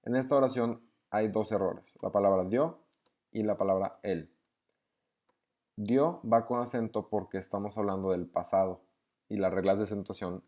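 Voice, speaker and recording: Calm man explaining step by step. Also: fairly low pitch. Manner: patient, step-by-step explaining, reads exercise sentences aloud. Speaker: teacher explaining exercises. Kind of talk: screen-recorded lesson walkthrough.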